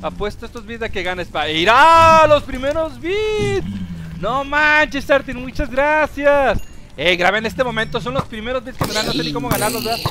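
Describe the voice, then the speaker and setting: A young Mexican man streaming a game live, excitable, with loud outbursts and frequent laughs. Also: extremely high pitch, normal speed. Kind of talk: live gaming stream commentary. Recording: music playing behind the voice. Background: game music.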